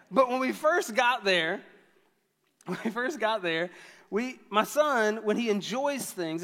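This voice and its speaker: A pastor in his thirties preaches a sermon to his church, telling stories conversationally with self-deprecating humor. His male voice is high with a sharp tone, and a long reverb tail trails after it.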